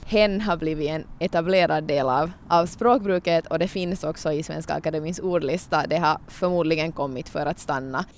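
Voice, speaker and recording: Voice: medium pitch, a little hiss or hum. Podcast host asking engaged questions. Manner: engaged, reads quotes carefully. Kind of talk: podcast interview with read-out quotes.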